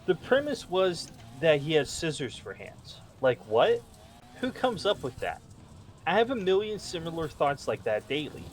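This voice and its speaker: A man's voice: a little high, very animated, moderate pace. A man co-hosting a podcast in casual chat, rambling as he reads his notes aloud. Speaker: podcast co-host.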